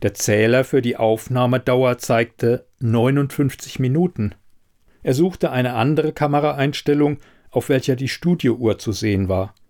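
A man narrating a crime story aloud in an expressive audiobook style. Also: mid-range voice, unhurried.

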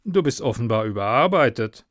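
A man's voice: medium pitch, lively intonation, brisk, dry recording, clean studio sound, close to an everyday voice. A man voicing a stern male chief editor, firm and clipped. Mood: dismissive.

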